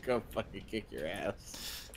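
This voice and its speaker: A man's voice: deep voice, expressive, slow pace, a little hiss or hum. A man joking and swearing with his friends during a co-op game, making mock demands of them. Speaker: co-op gaming friend. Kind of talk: casual co-op gaming chat.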